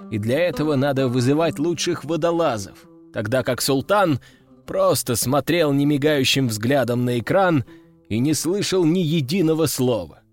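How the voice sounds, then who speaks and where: A man reading a novel aloud in a steady storytelling manner. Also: on the high side. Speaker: audiobook narrator. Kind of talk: scripted narration.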